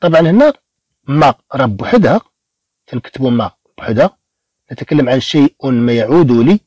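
A man with a Moroccan accent teaching a beginner French lesson, slowly repeating each word for his students. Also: medium pitch, expressive, darkish tone, breathy edge, no room sound. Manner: slow, repeats words for drills.

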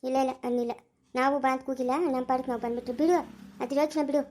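A young village husband, played by a performer speaks with a rural Chikkaballapura Kannada accent, quick and soothing. His voice sits high and light. He stays steady and low-key. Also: a little hiss or hum, lightly acted. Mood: calm. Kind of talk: village family drama acting.

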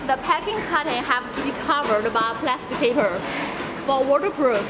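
This factory walkthrough is narrated by a young woman with a high-pitched voice at a moderate pace, with loud music playing behind her. She explains each step and points things out on the floor and in the warehouse, and the space echoes with heavy background noise.

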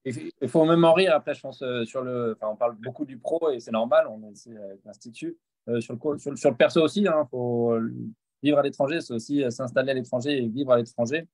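A man's voice: medium pitch, brisk, a little mellow, no echo. A man on a video call, speaking directly and encouragingly in a casual panel discussion.

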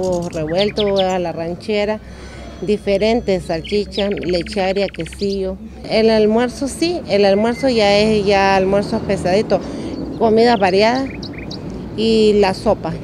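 A middle-aged woman with a Nicaraguan accent, a restaurant owner, gives casual interview answers at an open-air roofed roadside restaurant, into a handheld microphone set on the table before her. Her voice is medium-pitched and a little slow, with background noise.

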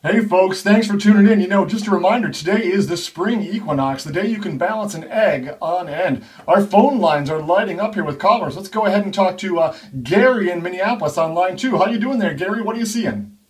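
A man putting on the voice of a smooth-talking male radio DJ who takes calls from listeners with upbeat on-air patter. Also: sits high, brisk, hardly any pauses, distant mic, natural voice. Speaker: science video host.

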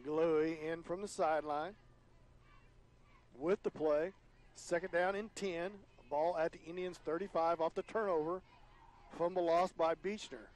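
A man calling high school football play-by-play on the radio, his voice climbing higher and louder on big plays. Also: fairly even intonation, measured pace. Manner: rises in pitch and volume on big plays. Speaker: play-by-play announcer.

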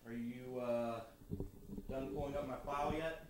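An actor playing a blunt, sarcastic cop stranded in the future, recorded from a distance in an echoey room with steady noise behind. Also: male voice, medium pitch, moderate pace, natural voice. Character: brash displaced cop from the past, sarcastic.

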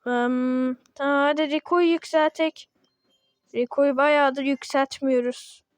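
A woman casually commenting on her own gameplay, chatty and excitable, grumbling and yawning as she plays. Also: sits high, slow, no echo. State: yawning, sleepy. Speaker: gaming video host.

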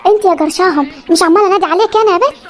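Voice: very high voice, soft background music. An actor voicing a bossy, scolding Upper Egyptian village mother in a comedy cartoon, with an Upper Egyptian accent. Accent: Upper Egyptian Arabic. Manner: scolding, ordering, quick threats.

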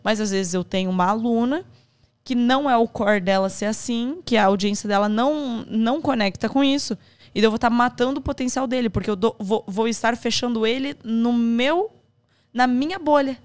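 A woman with a Brazilian accent appears as a guest on a podcast, talking about her courses in a conversational interview. Her voice is fairly high and clean at a moderate pace, and she animatedly acts out the advice she quotes.

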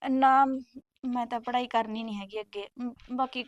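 A woman's voice: fairly high pitch, steady tone, normal speed, dry recording, dull audio, lightly acted. An actress with a Punjabi accent playing a newly married young wife who defends herself against her sister-in-law. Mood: defensive. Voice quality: pleading, defensive. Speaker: actor in a family web drama.

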